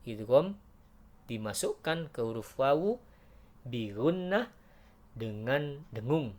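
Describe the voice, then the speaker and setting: Guy teaching tajweed, talks real slow and patient, chants the verse bits out loud. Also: mid-range voice, lively intonation. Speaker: Quran recitation teacher. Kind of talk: tajweed lesson with recited examples.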